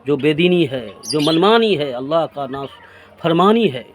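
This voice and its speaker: A man's voice: on the high side, lively intonation, a little slow, slight background noise. A man in his forties delivering an earnest, reproachful religious sermon to his friends, piling up repeated phrases. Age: 40s. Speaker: preacher.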